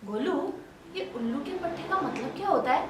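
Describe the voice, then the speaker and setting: A woman's voice: sits high, lively intonation, moderate pace, very echoey, distant mic, slight background noise. A woman playing a meek, agreeable housewife and mother who mildly sides with her son. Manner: mild, siding with her son.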